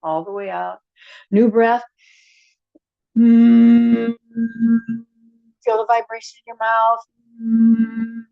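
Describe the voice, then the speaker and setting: A woman teaching a chair yoga and meditation class, giving gentle, unhurried cues with soft asides. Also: a little high, steady tone, gravelly, dull audio, soft background music. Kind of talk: guided yoga class instruction.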